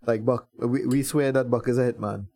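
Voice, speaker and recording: Laid-back man with a gravelly voice. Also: mid-range voice, fairly even intonation, a little fast, mellow. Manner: laid-back, chuckling, lots of fillers. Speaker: band member guest. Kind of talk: casual interview chat.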